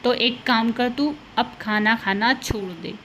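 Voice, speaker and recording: Cartoon mother-in-law, older village woman, scolding, bossy, scornful, high voice, voiced by a woman. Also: a little slow, a bit bright, slight background noise. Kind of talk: cartoon voice acting.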